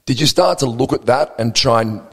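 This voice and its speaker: A man's voice: mid-range voice, fairly quick, fairly bright tone, breathy edge, big-room sound. A man hosting a podcast interview, asking long, winding questions full of hedges. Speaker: podcast host, magazine editor.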